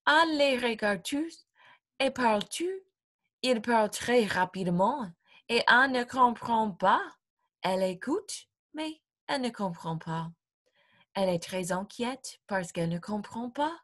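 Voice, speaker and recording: A woman teacher reading a graded storybook aloud for her class, slowly, clearly and expressively. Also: a little high, expressive.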